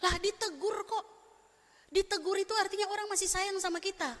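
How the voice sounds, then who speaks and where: A woman pastor preaching a lively, fast-talking sermon and acting out bits of everyday conversation with her congregation. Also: very high voice. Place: church sanctuary. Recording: long church hall reverb.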